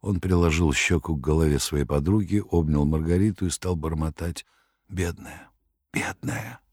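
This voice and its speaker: Deep-voiced man narrating an audiobook. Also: darkish tone, no room sound, studio quality. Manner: measured storytelling.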